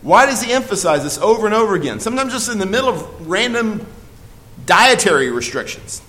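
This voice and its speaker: A man with a high-pitched voice leads a Bible lesson. He speaks earnestly and presses his points hard, with frequent fillers and restarts. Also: big pitch swings, brisk, sharp tone, low-quality recording. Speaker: Bible teacher. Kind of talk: Bible study teaching.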